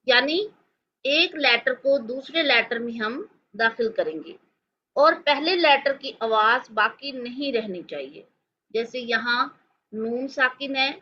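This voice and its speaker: A woman teaching Quran reading step by step, explaining each letter and then reciting the words slowly and drawn out. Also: fairly high pitch, muffled recording.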